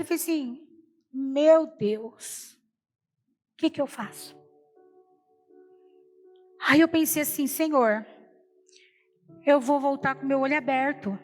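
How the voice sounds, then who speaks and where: A woman's voice: high-pitched, fairly even intonation, normal speed, in a large hall, soft background music. A woman preacher giving an emotional personal testimony in a sermon, retelling the story with many repeated quotes, speaking Brazilian Portuguese. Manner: storytelling, repeats "falei assim".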